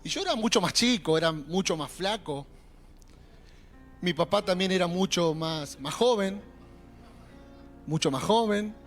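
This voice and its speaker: A young adult man preaching a sermon in a Rioplatense accent, animated and calling out to the congregation. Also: high-pitched. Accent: Rioplatense Spanish. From Argentina. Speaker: pastor. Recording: faint music behind.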